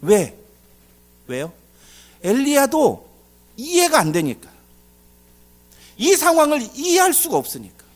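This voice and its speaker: Pastor type, male, high-ish voice that swings wide, preaches with big dramatic bursts. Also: a little slow, pauses often. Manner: animated preaching with loud dramatic outbursts; asks the congregation questions. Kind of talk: sermon. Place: church service.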